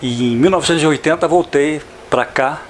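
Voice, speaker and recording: An older veteran journalist from Santa Catarina in southern Brazil appears as a guest in a radio studio interview, reflecting aloud and frequently tacking on "não é?" His voice is fairly high and fairly quick, and the recording carries a little hiss or hum.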